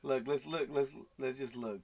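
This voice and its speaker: A man's voice: mid-range voice, steady tone, normal speed, a little mellow. A man chatting casually in a slangy, profane frat bro manner. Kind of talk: casual chat.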